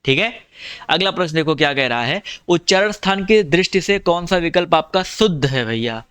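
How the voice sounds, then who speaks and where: Clear-voiced Hindi teacher, eastern accent. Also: male voice, on the high side, expressive, moderate pace, fairly bright tone, no echo, clean studio sound. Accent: eastern Uttar Pradesh or Bihar Hindi. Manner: explains patiently, repeats points, addresses students as brother. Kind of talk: exam-prep lesson.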